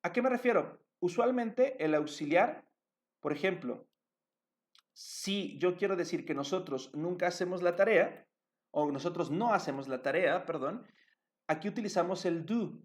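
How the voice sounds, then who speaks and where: A patient man explains grammar at a board, step by step. His voice sits a little high for a man, and he keeps checking that his students are following along. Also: expressive, moderate pace. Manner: patient, checks understanding with tag questions. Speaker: English teacher.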